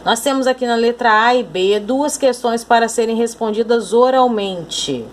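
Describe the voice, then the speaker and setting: A woman teacher with a Brazilian Portuguese accent, explaining a school lesson slowly and deliberately and often pointing things out. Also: fairly high pitch, a little hiss or hum.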